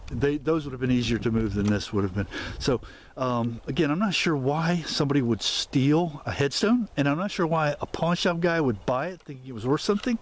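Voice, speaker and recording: Walking through overgrown woods outdoors, a man vlogs his exploration on a handheld camera mic. He speaks at a middling pitch in a loose, rambling style with many ums and restarts, with light hiss in the background.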